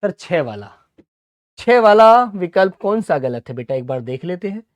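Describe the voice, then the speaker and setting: A man's voice: high-pitched, sing-song, moderate pace. A man teaching Hindi grammar in an online exam-prep class, who asks his students questions, answers them himself, and calls them son and brother.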